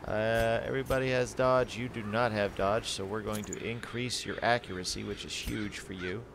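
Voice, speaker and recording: A man giving casual gameplay commentary, reading item text aloud and thinking out loud as he sorts his party. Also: fairly low pitch, fairly even intonation, normal speed, noisy background. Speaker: gaming channel host.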